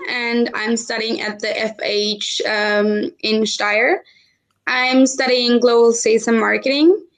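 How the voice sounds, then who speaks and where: High flat-voiced student woman. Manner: soft, hesitant speech. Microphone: video call.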